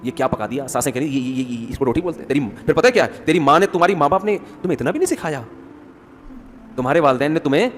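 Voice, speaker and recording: A man voicing a scolding older mother-in-law who taunts her daughter-in-law. He speaks lower and more quietly than his usual voice. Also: expressive, long reverb tail, a little hiss or hum, close to an everyday voice. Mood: scornful.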